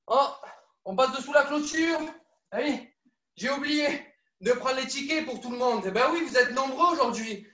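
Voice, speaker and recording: A woman with a high voice leads a children's judo class, coaxing and lively as she repeats every instruction. She sounds echoey and far from the mic, as if filmed across a room. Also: moderate pace. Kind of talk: live online kids' class, story-led exercises.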